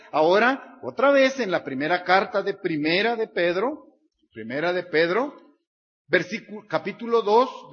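A man's voice: sits high, fairly bright tone. Man preaching in a reverberant hall. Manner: reads scripture aloud and repeats verse references. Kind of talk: sermon. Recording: dull sound with long hall reverb.

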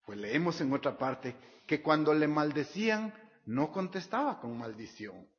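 A man's voice: on the high side, animated, unhurried. Man preaching in a reverberant hall. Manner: reads scripture aloud and repeats verse references. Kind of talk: sermon. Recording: dull sound with long hall reverb.

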